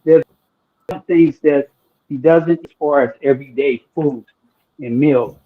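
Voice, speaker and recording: A man's voice: fairly high pitch, a little slow. Man in his sixties on a choppy call. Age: 60s. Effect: choppy call with cut-off word endings. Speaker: caller. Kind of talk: call-in conversation. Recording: tinny breaking-up phone line.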